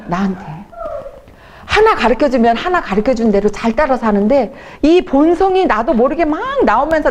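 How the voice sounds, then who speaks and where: A woman evangelist giving a testimony talk at a church event. She tells her stories in an animated way, acting out the people she quotes, and slows to a soft, earnest tone for her main points. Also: fairly high pitch, slight background noise.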